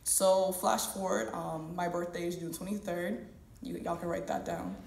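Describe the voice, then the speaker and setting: A woman's voice: fairly low pitch, steady tone, moderate pace, vocal fry, a little mellow. A woman tells a personal story on stage, candid and humorous, quoting others in playful voices. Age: 20s. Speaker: student speaker. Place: event hall at a university. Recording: echoey room, mic at a distance.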